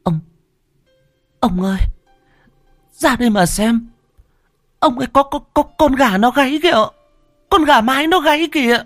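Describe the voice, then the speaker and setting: Shrill, frightened village wife. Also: male voice, lively intonation, moderate pace, long pauses, a bit bright, dry recording, clean studio sound, faint music behind. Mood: stammering alarm. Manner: shrill, stammering, pleading. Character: frightened middle-aged village wife, tearful.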